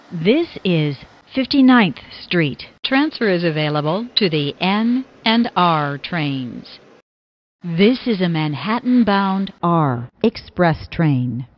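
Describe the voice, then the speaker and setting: A woman giving recorded train announcements over a train loudspeaker, with measured, evenly spaced phrasing. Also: lowish voice. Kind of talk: automated transit announcements. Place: inside a subway car. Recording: muffled train speaker audio.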